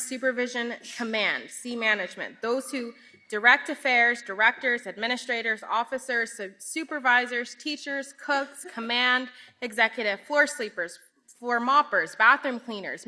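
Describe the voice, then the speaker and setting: A woman's voice: a little high, bright, forceful tone. A young woman giving a scripture-based sermon in a didactic way, reading out passages and lists of definitions at a pulpit microphone. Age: young adult. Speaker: religious speaker.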